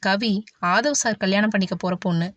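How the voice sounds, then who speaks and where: A woman voicing a loyal young man, the hero's calm best friend, speaking in a soothing way. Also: high voice, normal speed, no echo. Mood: placating. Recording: dull, dry audiobook recording.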